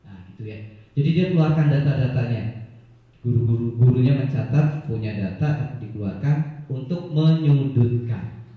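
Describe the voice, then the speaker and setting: A man's voice: mid-range voice, moderate pace. A male teacher, leading a workshop for fellow teachers and explaining step by step with short acted-out examples. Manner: explains step by step, acts out short scenes, chuckles often. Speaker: teacher leading a training session. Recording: very echoey room, dull lo-fi sound.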